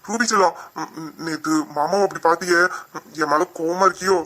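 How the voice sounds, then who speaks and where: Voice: mid-range voice, steady tone, brisk, sharp tone, close to an everyday voice. A performer playing a remorseful, loving young uncle in an audio drama, speaking tenderly and apologetically.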